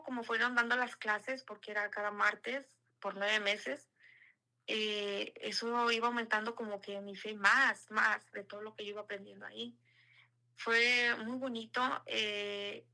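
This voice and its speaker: A woman's voice: on the high side, bright, forceful tone, low-quality recording. A woman giving an earnest, casual spoken testimony, repeating words for emphasis.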